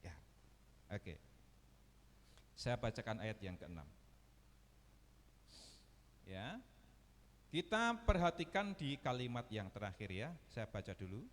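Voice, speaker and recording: A man preaching a sermon as pastor, swinging between loud and soft and asking the congregation questions. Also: on the low side, wildly swooping pitch, slow pace, pauses often, long reverb tail. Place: church hall.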